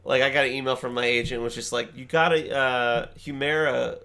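Man, podcast co-host, storytelling, animated, exclamatory, bright voice. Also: mid-range voice, fairly quick, vocal fry. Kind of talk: casual storytelling chat.

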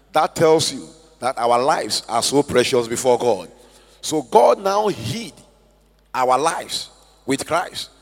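A man with a Ghanaian accent preaching a sermon as a pastor, with slow emphatic stress and loud swells. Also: fairly high pitch. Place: church hall. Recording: long church hall reverb.

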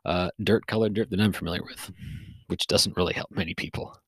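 A man's voice: low voice, fairly even intonation, a little fast, a bit bright, breathy edge, no room sound. A man hosting a podcast alone, talking casually in a loose, rambling way with many fillers and restarts, sounding a little tired. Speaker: podcast host. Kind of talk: casual solo podcast monologue. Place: recorded outdoors near a forest.

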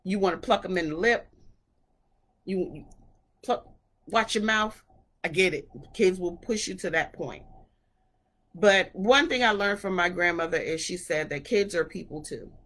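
A woman in her thirties talking casually about raising her children, in a relaxed storytelling way. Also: lowish voice, moderate pace. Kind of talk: casual parenting talk to camera.

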